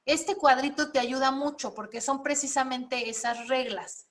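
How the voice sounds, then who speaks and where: Leading a spelling and writing lesson, a woman walks through the material step by step, often pausing to question her students. She speaks in a high, steady, fairly bright voice at a measured pace.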